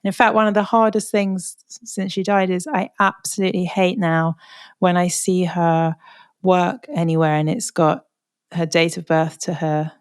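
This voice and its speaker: A British woman speaking as a podcast guest in a casual interview, halting and often repeating words as she gathers her thoughts. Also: fairly low pitch, steady tone, smooth. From Britain.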